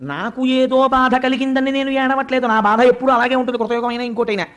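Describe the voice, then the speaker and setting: A man voicing Mother Earth as a grieving sacred cow, lamenting and reciting verse slowly in a high voice. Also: fairly even intonation, fairly bright tone. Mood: sorrowful.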